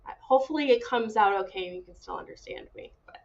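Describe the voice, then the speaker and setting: A woman's voice: on the high side, expressive, fast talker, muffled recording. A woman podcast host delivering an upbeat, scripted show introduction to listeners.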